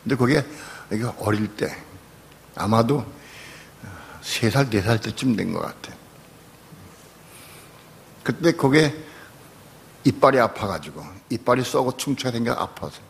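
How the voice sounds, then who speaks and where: Gravelly older Korean pastor preaching. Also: male voice, medium pitch, lively intonation, unhurried, pauses often, a little hiss or hum. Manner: storytelling, swings from quiet asides to loud pleading prayer. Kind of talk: sermon with personal testimony.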